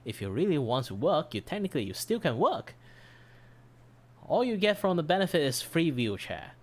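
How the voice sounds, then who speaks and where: A man with a fairly high, very animated voice speaks at normal speed over background music. He's a livestreaming commission artist, chatting in a rambling, self-mocking way as his voice begins to go.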